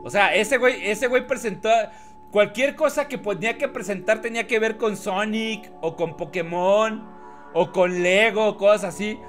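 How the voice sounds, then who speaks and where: A man's voice: high-pitched, normal speed, a bit bright, faint music behind. A man reading a comic on a live stream, laughing often and joking with his chat.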